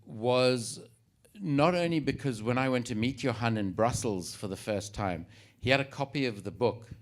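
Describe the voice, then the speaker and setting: A South African man answering as a panelist, measured and explanatory with a wry touch. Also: medium pitch.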